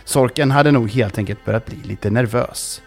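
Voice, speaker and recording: A narrator telling a children's story in a playful, lively way. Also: mid-range voice, vocal fry, soft background music.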